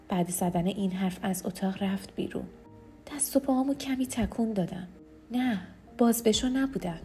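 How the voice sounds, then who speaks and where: A woman reading a novel aloud in the first person, with steady, hushed narration. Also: mid-range voice, gravelly. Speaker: audiobook narrator.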